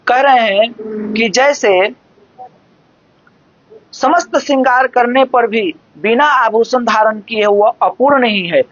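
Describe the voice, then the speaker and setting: A regular speaker giving a devotional discourse that explains scripture, talking in a measured, explanatory way and reciting verses slowly. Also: mid-range voice, a bit bright. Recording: dull lo-fi dry recording.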